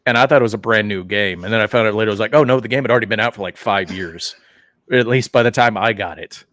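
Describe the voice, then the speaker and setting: A man hosting a podcast in casual chat, animated and rambling, full of fillers and restarts. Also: lowish voice, fast, dry recording, studio quality. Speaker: podcast host.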